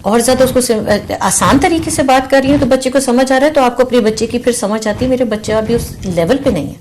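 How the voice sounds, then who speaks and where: A woman's voice: a little high, a little mellow, slight background noise. An earnest woman guest reflecting in conversation. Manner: earnest and reflective, mixes English words into Urdu. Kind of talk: casual chat.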